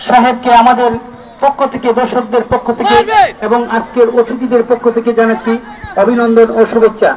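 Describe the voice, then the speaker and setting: High-pitched male football commentator over crowd. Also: monotone, fairly quick, rough recording. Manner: repeats phrases while following the ball; formal, courteous appeals. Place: outdoors at a football ground. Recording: outdoor PA with crowd noise.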